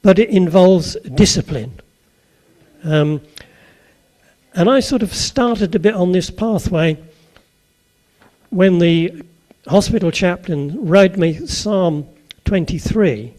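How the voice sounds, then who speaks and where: A man's voice: high voice, takes it slowly, a little mellow. An older man with a Suffolk accent gives an anecdotal sermon to a live audience. He talks in a chatty way, tosses questions to the listeners and drops in jokey asides. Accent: Suffolk English. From Suffolk, England.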